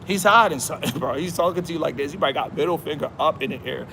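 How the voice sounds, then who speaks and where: Man, livestream host, slightly high voice, slangy and emphatic, faint street traffic behind. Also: racing, gravelly, bright, forceful tone. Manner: slangy, repetitive, emphatic, says "bro" a lot. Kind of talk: casual livestream monologue.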